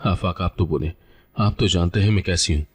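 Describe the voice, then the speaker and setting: A man's voice: low-pitched, fairly quick, slightly rough. A man voicing a desperate young wife who pleads and cries out. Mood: pleading. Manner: pleading, crying out.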